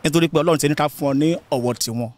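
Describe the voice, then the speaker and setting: A man with a Nigerian accent answers questions outdoors into a handheld mic. He speaks rapidly and with animation, his voice fairly high. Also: no room sound. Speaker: street interviewee.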